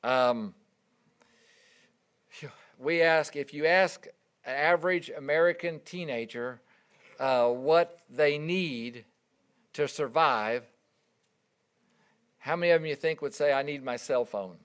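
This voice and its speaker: Middle-aged male preacher, a bit higher-pitched than most, earnest, builds to emphasis and then drops quiet. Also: slow, long pauses, clear, resonant tone. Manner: earnest, emphatic, storytelling with rising and dropping volume. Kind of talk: sermon.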